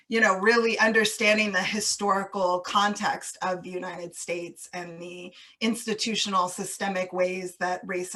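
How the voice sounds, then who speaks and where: A woman interview guest speaking casually and reflectively, laughing now and then as she talks about growing up on military bases. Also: on the low side. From grew up on US military bases overseas. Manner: warm, reflective, laughs easily.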